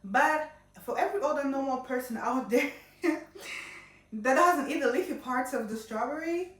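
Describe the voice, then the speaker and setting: A young woman with a Nigerian accent cooks in her home kitchen, laughing a lot as she chats playfully with viewers in a casual tutorial. Her voice is mid-range. The audio is poor and roomy, with her sitting far from the mic.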